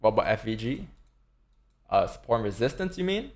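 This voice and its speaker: With a low, sing-song voice and a fairly quick pace, a twentysomething day trader talks casually on his livestream. He's laid-back, fielding questions from chat and dropping the odd swear word.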